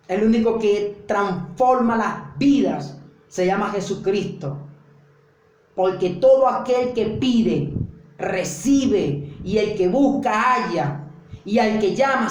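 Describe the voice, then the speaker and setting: A woman's voice: medium pitch, darkish tone, slight background noise. A woman preaching a fervent sermon, driving her points home with rhythmic, repeated phrases. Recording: very echoey room.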